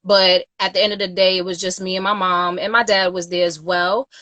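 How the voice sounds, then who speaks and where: A woman's voice: lowish voice, little pitch movement, a little fast, sharp tone, no echo. A woman from Queens, a guest on a casual livestream interview, talking earnestly with many "you know"s. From Queens, New York. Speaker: guest, youth nonprofit founder.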